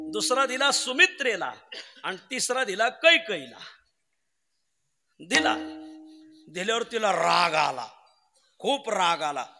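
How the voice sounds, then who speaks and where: High gravelly preacher telling a story. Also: male voice, pushed and bright, long reverb tail. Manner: storytelling with humour, chanted verse quotations. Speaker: kirtan preacher. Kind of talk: devotional kirtan sermon.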